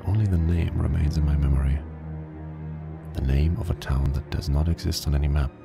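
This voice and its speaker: A weary, grim private detective who narrates a horror game, his voice extremely deep and gravelly. The delivery is slow and flat, like noir storytelling. Loud game music plays behind him. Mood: brooding.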